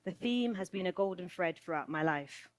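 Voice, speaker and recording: A middle-aged British woman from England giving a storytelling talk, rhythmic and deliberate, slowing and pausing for emphasis and returning to a rhetorical refrain. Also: on the low side, animated. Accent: British English. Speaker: speaker.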